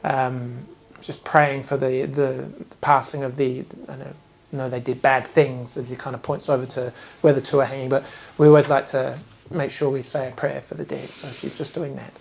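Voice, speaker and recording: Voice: mid-range voice, level tone, moderate pace, vocal fry, a little mellow. Rambling New Zealand game master. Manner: rambling, full of fillers and restarts. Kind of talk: improvised tabletop narration.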